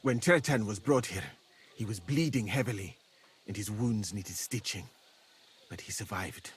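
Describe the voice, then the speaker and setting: A man voicing a calm, learned foreign physician in a game, speaking in a formal, measured and dryly ironic way. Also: lowish voice, breathy edge.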